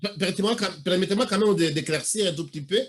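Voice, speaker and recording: A man of Rwandan origin hosting a radio interview, interjecting in a measured way to clarify points. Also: high voice. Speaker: radio host.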